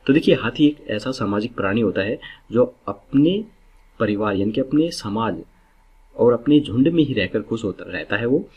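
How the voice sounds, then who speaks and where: A man's voice: medium pitch, expressive, normal speed, husky, lo-fi sound. A man teaching exam memory tricks, explaining step by step and repeating key words to drill them in.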